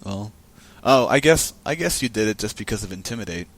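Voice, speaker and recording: A man's voice: fairly low pitch, lively intonation, a little fast, breathy edge. A man giving casual, chatty commentary on a card game match, thinking aloud as he goes.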